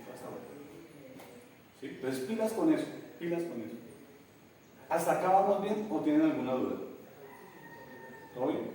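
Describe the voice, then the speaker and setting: Profesor colombiano animado en un aula con eco. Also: male voice, a little high. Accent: Colombian Spanish. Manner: animated, addresses students with Colombian slang. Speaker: English teacher. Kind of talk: classroom lesson. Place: classroom. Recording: echoey classroom, from far off.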